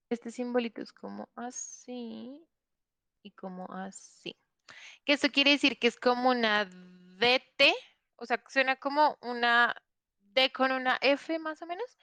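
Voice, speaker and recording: A woman's voice: a little high, measured pace, gravelly, long pauses, bright, forceful tone, dry recording. A woman teaching an online English class, explaining patiently and checking in often with her students.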